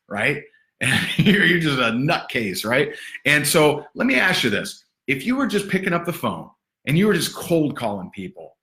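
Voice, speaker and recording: A man giving a livestream sales training, punchy, energetic and sarcastic. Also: medium pitch, roomy sound.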